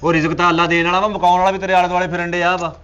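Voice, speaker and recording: A man's voice: high-pitched, level tone, racing, fairly bright tone, muffled recording. A man with a Punjabi accent in a comic sketch, complaining with sarcasm and exasperation. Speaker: comedy sketch actor.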